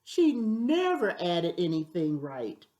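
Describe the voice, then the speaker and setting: Older woman, children's storybook reading, slow pace, animated intonation, medium pitch. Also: highs cut off. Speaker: storybook reader.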